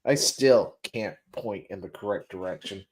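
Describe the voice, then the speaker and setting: A man with a somewhat low voice hosts a casual gaming news stream, tired and given to yawning. He jokes with his co-host, laughs often and circles back over unfinished sentences. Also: measured pace, crowd noise. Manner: joking, laughing often, trailing restarts. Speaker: podcast host. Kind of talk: casual livestream chat.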